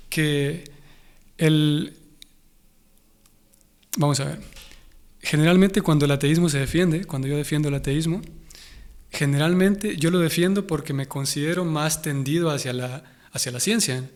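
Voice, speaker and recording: Slightly high-voiced and a little slow, this young Hare Krishna devotee pauses often. A guest in a conversational interview, he has a Honduran Spanish accent and speaks thoughtfully, frequently restarting while hunting for words.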